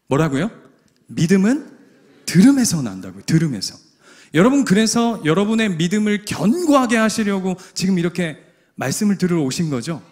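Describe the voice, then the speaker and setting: A man preaching a sermon in an emphatic way, often putting questions to the congregation. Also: sits high. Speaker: pastor.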